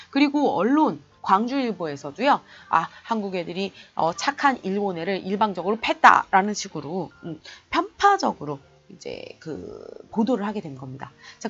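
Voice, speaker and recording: A woman teaching history in an online lecture, telling events like a story in casual, colloquial speech. Her pitch swings widely and animatedly, and the recording is a little dull and lo-fi. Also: creaky.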